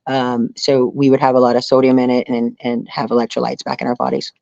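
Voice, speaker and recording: A woman contestant from a reality survival show, appearing as an interview guest, tells her story earnestly and casually, often saying "you know." Her very deep, dark, gravelly voice is brisk and level, recorded as dull lo-fi audio with no room sound.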